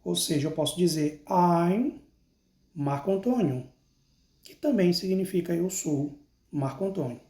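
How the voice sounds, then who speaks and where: A man from Brazil teaching an English lesson, calmly explaining and slowly repeating each form twice for students to copy. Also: on the high side, echoey room. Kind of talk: slow classroom lesson with repetition drills.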